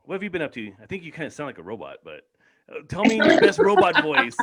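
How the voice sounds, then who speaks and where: A man hosting a casual podcast over a video call, lively and teasing with his guests. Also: on the high side, fast talker, creaky, crowd noise. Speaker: podcast host.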